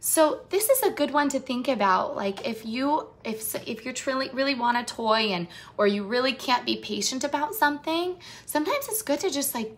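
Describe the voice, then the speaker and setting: A woman hosts young viewers while reading a picture book aloud, chatting with the kids and drawing them in with direct questions and stretched-out, expressive delivery. Her voice sits fairly high, with a faint hiss or hum in the background.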